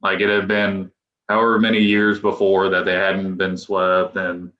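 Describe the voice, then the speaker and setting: Deep-voiced young man in an echoey room. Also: monotone, normal speed. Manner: rambling, loose, with restarts and chuckles. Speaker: guest, professional baseball pitcher. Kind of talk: casual podcast interview. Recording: echoey room, dull lo-fi sound.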